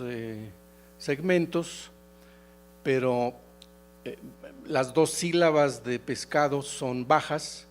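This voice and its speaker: A middle-aged man from León with a Mexican Spanish accent, giving a halting academic lecture full of hesitations and restarts. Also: mid-range voice. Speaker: keynote lecturer.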